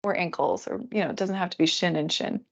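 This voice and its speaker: A woman leads a gentle yoga class, talking through breaths and twists in an easygoing, unhurried way. Her voice has a gravelly, fry-tinged edge. The sound is a bit dull and lo-fi. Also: lowish voice. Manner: calm counting cues, relaxed and chatty. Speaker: yoga teacher. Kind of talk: guided restorative yoga class.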